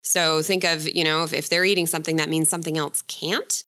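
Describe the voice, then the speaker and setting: A woman with a bright, clear voice tells a story in a relaxed podcast chat. She keeps it loose and friendly, breaking off to laugh and fix her own words. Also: sits low, brisk. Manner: chatty, self-correcting, laughs often. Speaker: co-host presenting a story.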